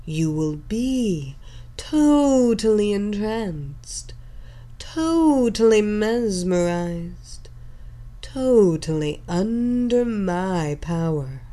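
A woman voicing a commanding, possessive female hypnotist, with a sultry, hypnotic voice and slow, drawn-out repeated commands. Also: on the low side, lively intonation, warm tone. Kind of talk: hypnosis story reading.

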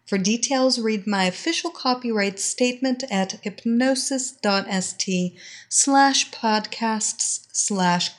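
Woman, podcast host and narrator. Slow, measured hypnotist delivery, medium pitch, scripted reading. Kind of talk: scripted introduction and story narration.

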